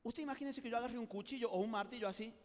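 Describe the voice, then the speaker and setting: Argentine-sounding guy giving a funny youth talk, really high voice, big echoey hall. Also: racing. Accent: Rioplatense Spanish. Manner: animated, acts out voices, jokes with the audience. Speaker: youth speaker.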